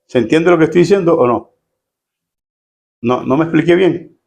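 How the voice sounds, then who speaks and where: A man's voice: fairly high pitch, moderate pace, gravelly, darkish tone. A middle-aged male pastor preaching a sermon to his congregation in a conversational way, acting out quoted voices and asking the listeners questions. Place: church.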